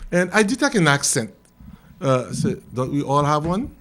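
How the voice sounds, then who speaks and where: A man's voice: on the high side, very animated, normal speed, fairly bright tone. Jovial Haitian-born male host. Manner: jovial storyteller, laughs at his own jokes. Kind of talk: casual talk-show hosting.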